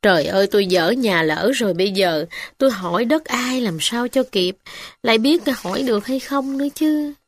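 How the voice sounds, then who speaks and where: A woman's voice: fairly high pitch, animated, moderate pace, no echo. A humble poor village man, voiced by a woman reader speaks hesitantly with a Southern Vietnamese accent. The recording is dry and close. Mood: pleading.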